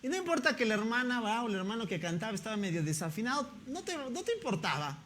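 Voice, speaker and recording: A man's voice: high-pitched, big pitch swings, fast talker, a bit bright, a little hiss or hum. A male pastor, preaching a sermon in a conversational way and often asking the congregation rhetorical questions.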